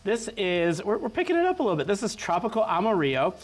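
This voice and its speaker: Casual male interview host, halting delivery. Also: sits high, big pitch swings. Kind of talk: casual hosting of a hot wing interview.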